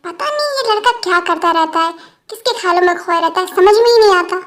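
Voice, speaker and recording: A woman voicing a bubbly, bossy young female college student who talks loudly and teases playfully. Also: very high-pitched, lively intonation, quick pace, voice pushed up. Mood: cheerful. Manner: teasing, loud, playful.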